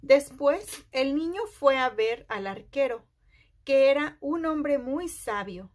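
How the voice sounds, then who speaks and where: A woman reading a children's picture book aloud, phrase by phrase with deliberate pauses. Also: high-pitched, lively intonation. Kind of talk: slow read-aloud storytelling for children.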